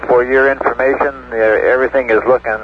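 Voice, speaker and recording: A man working as ground communicator, using rapid, clipped radio procedure talk over a crackly space radio link. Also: medium pitch, little pitch movement. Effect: crackly space radio transmission. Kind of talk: air-to-ground radio exchange. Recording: muffled, noisy archival radio link.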